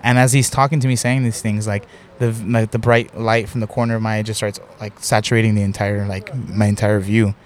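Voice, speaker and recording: A man's voice: on the low side, flat delivery, fairly quick, hardly any pauses, slight background noise. Young man rambling through a story. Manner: rambling, swears often, many "like" fillers. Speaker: podcast host. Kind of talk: casual storytelling chat.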